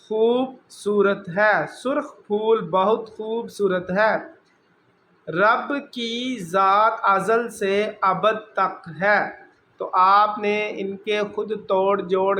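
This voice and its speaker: High, bright-voiced male Urdu teacher. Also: a little hiss or hum. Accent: Pakistani Urdu. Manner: patient, syllable-by-syllable sounding out. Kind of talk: slow spelling-out reading lesson.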